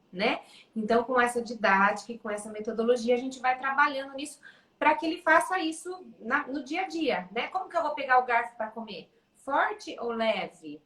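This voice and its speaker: A woman with a Brazilian accent and a fairly high voice talks in a gentle, explanatory way, often checking in with "né?". Her voice rings in an echoey room. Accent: Brazilian Portuguese. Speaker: music educator host. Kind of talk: casual conversation.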